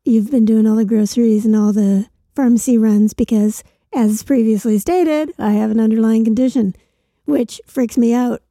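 A woman co-hosting a podcast in casual chat, with a gravelly voice from a chest infection. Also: a little high, steady tone, moderate pace, warm tone, dry recording. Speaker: podcast co-host.

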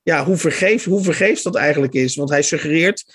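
Husky man, fairly high voice, musing. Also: brisk. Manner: thoughtful, searching for words. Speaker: podcast guest, journalist. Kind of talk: literary podcast conversation.

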